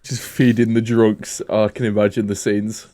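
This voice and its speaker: A man's voice: on the low side, little pitch movement, moderate pace, mellow. A man co-hosting a casual chat, laid-back, chipping in with short, wry replies. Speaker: podcast co-host.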